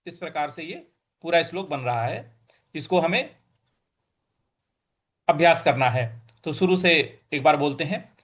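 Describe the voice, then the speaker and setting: A man's voice: fairly high pitch, expressive, a little slow, long pauses, a bit bright. A man teaching a scripture class, patiently repeating each word and chanting the verses. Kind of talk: slow recitation and pronunciation lesson.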